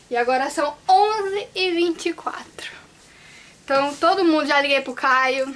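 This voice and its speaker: Nervous high-voiced young Brazilian woman vlogging. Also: slight background noise. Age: young adult. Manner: nervous, excitable, exclaims often. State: trembling voice, nervous. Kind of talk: casual vlog reacting to exam results.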